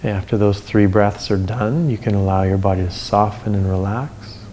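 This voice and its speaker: Low, mellow man guiding yoga breathing. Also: slight background noise. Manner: calm, measured, step-by-step guidance with pauses. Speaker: yoga instructor. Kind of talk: guided breathing instruction.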